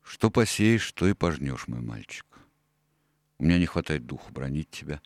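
A man voicing a stern but kindly middle-aged doctor who speaks gravely and earnestly, in an audiobook. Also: very deep voice, big pitch swings, moderate pace, no echo, studio quality, exaggerated voice. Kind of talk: audiobook character voice.

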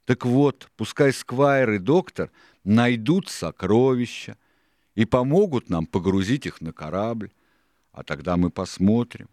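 A man voicing a cunning, domineering older pirate cook in an audiobook, lecturing loudly and scornfully. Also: fairly low pitch, expressive, measured pace, dry recording, clean studio sound, voice pushed up. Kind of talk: audiobook character reading.

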